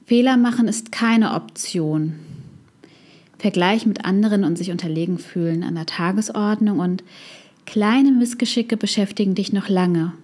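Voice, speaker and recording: A woman psychologist hosting a self-help podcast, speaking in a calm, scripted way straight to the listener. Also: medium pitch, moderate pace.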